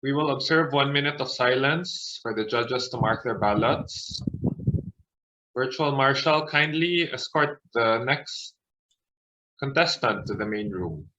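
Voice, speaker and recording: A man's voice: mid-range voice, unhurried, pushed and bright. A man serving as contest chair, making polite, procedural announcements over a video call. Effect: heard over a video call. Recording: dull lo-fi video call audio.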